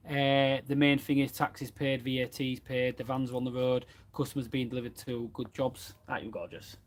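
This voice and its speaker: A man's voice: medium pitch, completely flat delivery, normal speed. A man, chatting casually about running his plumbing business in a live question and answer from his van. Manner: chatty and plain-spoken, reads out viewer comments. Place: inside a van.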